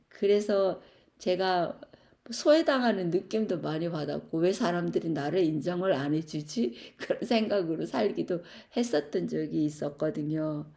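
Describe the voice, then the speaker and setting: A middle-aged woman from Korea gives a personal testimony at a Bible study, slow and unhurried. Her voice is mellow and slightly low, with a gravelly edge. She speaks reflectively and confessionally, with soft laughs and fillers.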